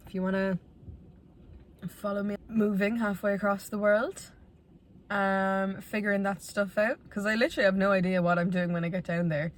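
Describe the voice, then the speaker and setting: A woman's voice: on the low side, slight background noise. A woman in her twenties with a west of Ireland accent, chatting casually and candidly to viewers in a rambling, self-deprecating way. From Galway, Ireland. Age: 20s. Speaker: vlogger.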